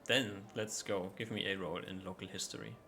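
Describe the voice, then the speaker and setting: A man's voice: deep voice, steady tone, fairly quick, bright, forceful tone. A man casually narrating a tabletop role-playing game as its game master. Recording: faint background noise.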